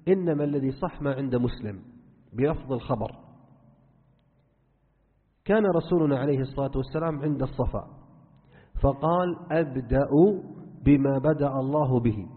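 A man teaching a religious lesson as a sheikh, earnest and instructive, speaking straight to his listeners. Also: a little high. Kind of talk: religious lesson, explaining to students. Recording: phone-like band, long hall reverb.

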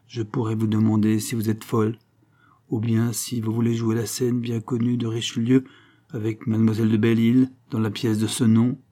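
Man voicing a smooth, self-assured gentleman. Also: lowish voice, normal speed, natural voice. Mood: cool. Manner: calm, affable, self-assured. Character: smooth, cool-headed young gentleman. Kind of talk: audiobook character voice.

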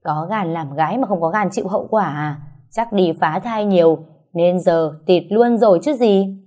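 A woman's voice: lowish voice, lively intonation, a little fast, warm tone. A woman voicing a spiteful middle-aged woman who sneers and scolds. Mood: sneering.

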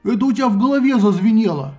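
Shrill male agitator, shrieking, ranting, very high, bossy, audiobook. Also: very animated, a little fast, a little mellow, lo-fi sound, soft background music. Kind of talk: audiobook character voice.

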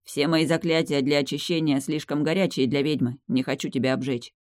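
A woman's voice: low-pitched, fairly even intonation, brisk, a little mellow, no room sound, clean studio sound, natural voice. A woman voicing a brash, cheeky young male dragon in an audiobook, blunt and matter-of-fact. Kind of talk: audiobook character voice.

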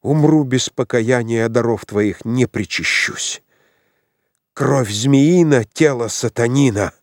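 A man voicing a feverish, delirious young prince who shouts and curses fervently in an audiobook. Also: mid-range voice, slow pace, no room sound, clean studio sound, pitched above the performer's own voice, natural voice. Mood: raging. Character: delirious raging young male tsarevich, feverish.

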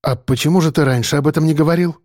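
A firm, decisive woman geologist, as a male audiobook narrator puts her on. The voice is darkly mellow and close, with a dry sound and no room around it. She talks in short, resolute phrases. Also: fairly high pitch, rapid-fire, no echo, natural voice. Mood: determined.

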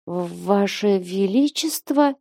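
A woman's voice: lowish voice, expressive, measured pace, dark tone, no echo. Greedy male caravan merchant, voiced by a woman narrator, blustering, audiobook, dry sound. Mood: frightened. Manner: blustering, then cowering.

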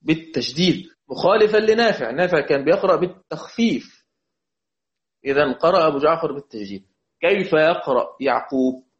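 A man with an Egyptian accent teaching Quran recitation, chanting verses slowly and quizzing his students. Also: a little high, animated. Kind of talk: religious lesson. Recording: dull lo-fi recording.

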